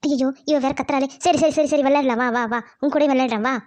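A high, quick-talking cartoon young woman, voiced by a woman with a cheeky, teasing edge. She bosses younger kids around and mocks her friends lightly. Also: steady tone, darkish tone, natural voice. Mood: bossy. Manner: teasing and bossy. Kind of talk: cartoon voice acting.

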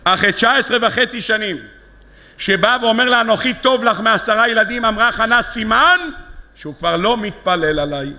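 A man's voice: high-pitched, pushed and bright. A man giving a sermon as a rabbi, telling stories with animation and acting out the dialogue. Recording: long hall reverb.

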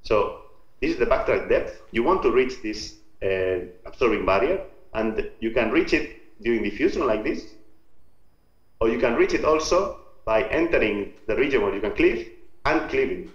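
A man from Spain's Basque Country with a Basque Spanish accent, giving an informal scientific lecture in a halting, step-by-step explanatory way. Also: mid-range voice, expressive. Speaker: researcher presenting own work. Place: remote talk over video call. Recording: muffled, roomy video-call audio.

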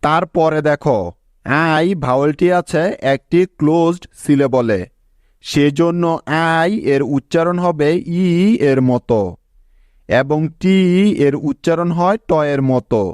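Man, tutorial voice-over, slow and measured, dry sound. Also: fairly high pitch, darkish tone, dry recording. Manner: slow, measured, explaining step by step. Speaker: English pronunciation teacher. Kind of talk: scripted tutorial narration.

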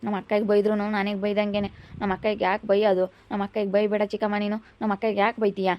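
A woman puts on a village boy who protectively pleads for his sister in a home-made drama. He talks fast and defensively, from a little off the mic. The sound is dull, with faint background noise. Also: mid-range voice, monotone, close to an everyday voice.

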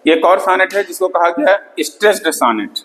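Lecturer in a reverberant classroom. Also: male voice, high voice, animated, normal speed, a bit bright, a little hiss or hum. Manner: repeats key terms, frequent "theek hai" checks. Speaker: English literature lecturer. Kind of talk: classroom lecture mixing Hindi and English. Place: classroom with board.

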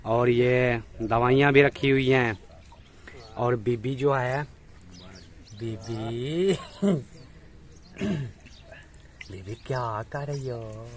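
A man vlogging at home, patiently quizzing a child on letters and numbers and calling out to the children at play. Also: mid-range voice. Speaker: family vlogger. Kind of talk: casual home vlog.

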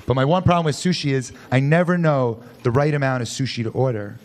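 A man in his thirties doing a dry, deadpan stand-up set on a club stage, speaking into a handheld mic. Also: medium pitch, fast talker. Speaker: stand-up comedian. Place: comedy club stage before a live audience. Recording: loud club crowd and noise. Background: loud audience laughter.

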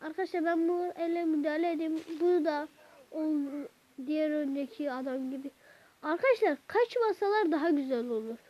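A woman hosting a gaming channel, chatting to her viewers while she plays, with sudden excited outbursts at the game. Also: sits high, a little fast. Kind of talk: let's-play gameplay commentary. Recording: dull lo-fi recording.

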